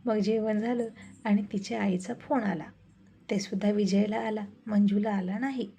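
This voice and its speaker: Gravelly-voiced woman telling a family story. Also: mid-range voice, fairly even intonation, moderate pace, mellow. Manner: chatty storytelling with mocking asides.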